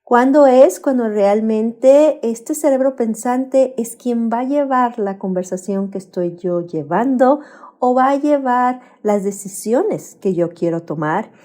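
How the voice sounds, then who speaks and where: A woman with a Mexican accent giving a calm, explanatory talk on a radio program, often asking rhetorical questions. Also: mid-range voice. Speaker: radio guest speaker on emotional health. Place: radio studio.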